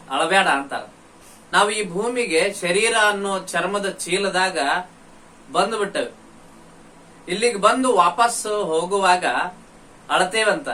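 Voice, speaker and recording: A man explaining a devotional folk song, breaking into slow singing of its verses. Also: high voice, sharp tone. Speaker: teacher of devotional folk songs. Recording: distant mic with faint background noise.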